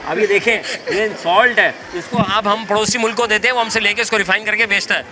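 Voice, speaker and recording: A man's voice: high-pitched, steady tone, crowd noise. A man, a TV host doing jokey street interviews at an outdoor school carnival. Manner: jokey, teasing, quick, lots of banter. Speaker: TV reporter and show host. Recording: loud music behind the voice.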